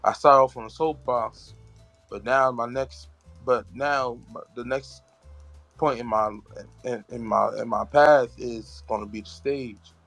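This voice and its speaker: A man's voice: mid-range voice, fairly even intonation, measured pace, gravelly, a bit bright, dry recording, faint music behind. A man being interviewed about his writing, earnest and often searching for words. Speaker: guest, author and poet. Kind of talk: casual interview chat.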